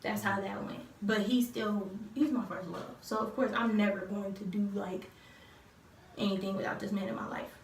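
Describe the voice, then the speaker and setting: A woman's voice: medium pitch, steady tone, normal speed. An eighteen-year-old woman casually telling viewers her love story, chatty and full of fillers, acting out what others said. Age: teens. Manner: chatty, lots of fillers, acts out quotes. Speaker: vlogger telling a couple's story. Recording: roomy echo, distant mic, faint noise.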